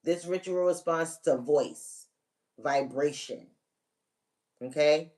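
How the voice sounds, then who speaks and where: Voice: medium pitch, slow, darkish tone. A spiritual reader on a live stream, talking viewers through a ritual step by step in a casual, emphatic coaching way and checking in often. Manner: emphatic, direct commands. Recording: voice a bit distant from the mic.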